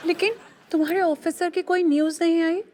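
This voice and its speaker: A woman's voice: very high-pitched, fairly even intonation, a little fast, darkish tone, a little hiss or hum. An actress playing a pampered wife who mixes English into her Hindi and frets over her lost dog in a TV sitcom. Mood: fretting. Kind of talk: sitcom acting.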